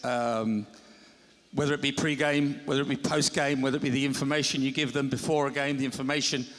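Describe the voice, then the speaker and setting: A man with a Chilean accent giving an informal, explanatory workshop summary as a conference speaker, pausing often. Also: medium pitch, fairly bright tone. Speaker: conference speaker, national federation football coach. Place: large conference hall stage. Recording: long hall reverb from stage PA.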